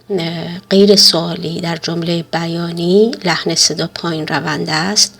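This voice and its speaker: A woman teaching French grammar in Persian. She reads the French examples slowly and carefully, with frequent hesitant fillers between phrases. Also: on the low side, a bit bright, slightly rough. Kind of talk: grammar lesson explanation.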